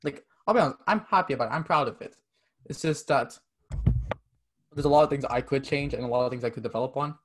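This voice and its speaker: This young Canadian podcast guest talks fast in a mid-range voice over a noisy background. His casual interview chat rambles, filled with "like", and he acts out any texts he quotes.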